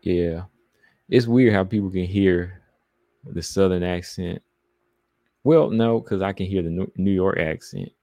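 A deep-voiced man with a Southeastern American accent talks loosely on a casual livestream, reading chat comments and rambling between them. His voice sits very low, and the recording is dry and close, with no room sound. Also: measured pace, vocal fry, long pauses, warm tone, no echo. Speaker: podcast host reading live chat.

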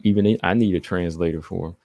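On a casual livestream, a Southern man with a Southeastern accent reads chat aloud and rambles loosely. His deep, slightly mellow voice keeps a steady tone at a quick pace, and there's no echo.

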